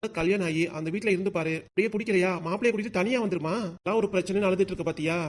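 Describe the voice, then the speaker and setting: A middle-aged cartoon father, voiced by a performer, patient and persuasive. He talks in a breathless rush, and his voice sits at a moderate pitch. He sounds like a calm village dad reassuring his daughter. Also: very fast, natural voice. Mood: coaxing. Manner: gentle, persuasive, lecturing. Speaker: father of the bride-to-be. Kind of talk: cartoon voice acting.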